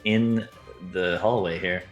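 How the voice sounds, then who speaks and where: A man's voice: low voice, fairly even intonation, slow pace, muffled recording, faint music behind. A man talking casually as a player in a tabletop game.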